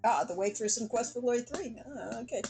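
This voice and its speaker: A woman with a very husky voice giving casual, chatty commentary alongside a game. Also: a little high, a little fast, dark tone, faint music behind.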